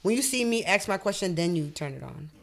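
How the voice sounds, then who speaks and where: A woman's voice: on the low side, expressive, brisk, creaky. A woman hosting a podcast, asking questions in casual, slangy, informal chat. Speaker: podcast host.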